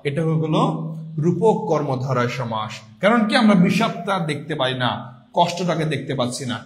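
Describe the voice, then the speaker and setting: A man's voice: a little high, expressive, fast. A man giving an online exam-prep lesson, explaining step by step and repeating the key answers. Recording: echoey room with long reverb.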